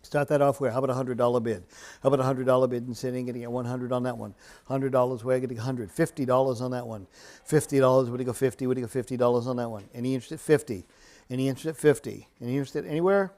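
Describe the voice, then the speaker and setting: A man's voice: mid-range voice, steady tone, rapid-fire, darkish tone. A man working as an auctioneer, calling live bids in a repetitive, rhythmic chant with a casual, folksy way about him.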